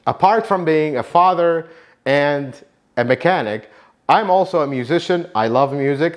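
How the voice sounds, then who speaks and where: Here an Iraqi man, Arabic his first language, thanks the audience of his YouTube channel, where he works as a car mechanic. His gratitude comes across warm and earnest, with lively shifts in pitch.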